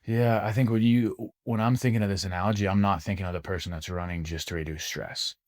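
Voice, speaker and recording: A man co-hosting a health podcast, explaining his views at length in a measured, casual way. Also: fairly low pitch, steady tone, a little mellow, dry recording, studio quality. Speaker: podcast co-host.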